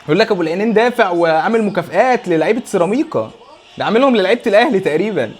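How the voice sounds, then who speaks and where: A man with an Egyptian accent fires off a live football reaction at breakneck speed. His voice sits high, and he keeps pressing the same urgings over and over in an exasperated running commentary. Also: animated, very fast, breathy edge. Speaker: football fan reacting to a match.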